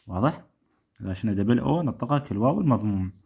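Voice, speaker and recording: A man with an Iraqi Arabic accent teaching English pronunciation, repeating each word slowly and often asking if it is clear. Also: mid-range voice, lively intonation, darkish tone. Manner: repeats words slowly, asks rhetorical checks. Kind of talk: classroom-style lesson.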